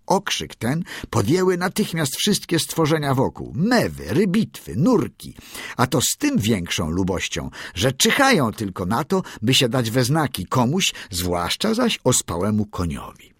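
A man reading a classic tale aloud with expressive storytelling. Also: mid-range voice, measured pace, slightly rough, dry recording, studio quality. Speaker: narrator.

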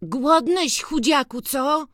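A narrator voicing a young farm boy who speaks in high, eager exclamations, in an audiobook. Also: animated, slow, no room sound, studio quality. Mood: joyful. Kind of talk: audiobook reading.

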